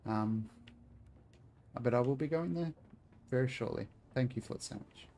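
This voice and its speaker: A man's voice: mid-range voice, measured pace, vocal fry, warm tone, slight background noise. A man chatting casually to his viewers while playing a video game, joking and talking to chat. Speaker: streamer. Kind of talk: casual gaming stream chat.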